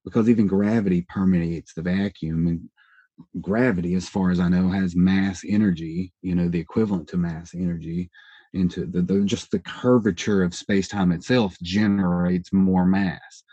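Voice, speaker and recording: A man in his thirties, an independent researcher appearing as a podcast guest, explains ideas in casual interview talk, rambling, correcting himself, and hedging as he thinks aloud. His voice sits low, dark, and husky, with a steady tone at normal speed. The recording is muffled, with no echo.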